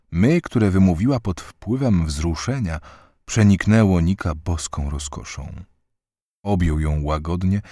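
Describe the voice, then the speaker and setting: A man calmly reading a novel aloud as narrator. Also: low-pitched, no echo, studio quality. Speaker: audiobook narrator. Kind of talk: scripted narration.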